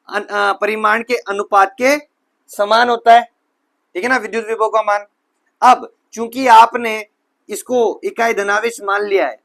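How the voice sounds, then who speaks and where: High-voiced physics teacher. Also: male voice, fairly bright tone. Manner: talks students through steps with frequent rhetorical questions; repeats himself, self-corrects mid-sentence. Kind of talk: whiteboard physics lecture.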